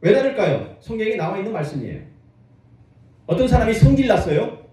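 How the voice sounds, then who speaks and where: Male pastor, high and animated sermon delivery with call-and-response, distant mic, very echoey hall. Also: fairly quick. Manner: lively preaching with call-and-response to the congregation.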